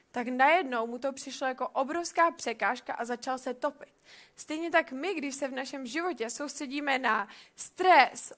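A woman's voice: high voice, a bit bright. A woman reading a Bible passage and reflecting on it in a conversational way, often repeating words as she thinks.

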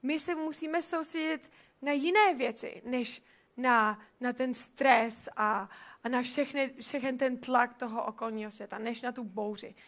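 A woman's voice: on the high side, fairly even intonation, a bit bright. A woman reading a Bible passage and reflecting on it in a conversational way, often repeating words as she thinks.

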